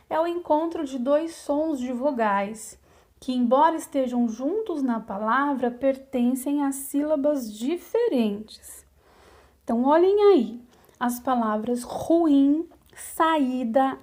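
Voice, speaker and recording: A woman's voice: high-pitched, darkish tone. A Brazilian woman teacher giving a recorded video lesson to young pupils, explaining patiently step by step and checking in often. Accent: Brazilian Portuguese. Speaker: primary school teacher.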